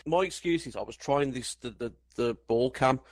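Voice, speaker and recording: A man co-hosts a casual gaming podcast with wry, self-deprecating banter. His pitch is ordinary. The recording is dry and close, without echo. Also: normal speed. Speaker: podcast co-host.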